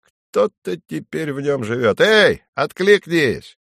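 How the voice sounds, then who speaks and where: A man's voice: a little high, very animated, slow, creaky, fairly bright tone, no room sound, clean studio sound, voice pushed up, exaggerated voice. A man voicing a fussy male woodpecker who builds houses, exclaiming indignantly in a storybook reading.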